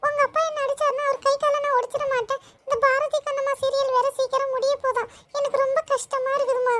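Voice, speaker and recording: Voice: extremely high pitch, flat delivery, fast talker, fairly bright tone, soft background music, voice pushed up. The same performer who voices the girl host also voicing her snappy, dramatic mother in a cartoon. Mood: whiny.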